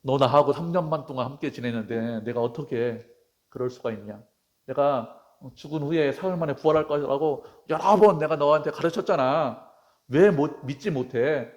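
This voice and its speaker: A man voicing Jesus, a gentle figure coaxing a doubting disciple, in slow, drawn-out, gently insistent words during a sermon. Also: mid-range voice, lightly acted. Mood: mild reproach.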